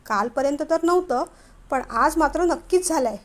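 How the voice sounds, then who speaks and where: Brief: woman playing a nosy storybook wife, eager questions, high voice. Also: lively intonation, normal speed. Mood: curious. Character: curious chatty young wife.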